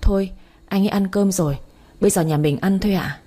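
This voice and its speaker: A woman voicing a gentle, trusting young wife who speaks softly and pleadingly. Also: medium pitch, brisk, slightly rough, natural voice. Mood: tender.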